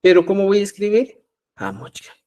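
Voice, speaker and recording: A man from Peru teaching a live online class, patiently explaining and often checking understanding with a quick "¿ya?". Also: high-pitched, very animated, dark tone. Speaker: Quechua teacher.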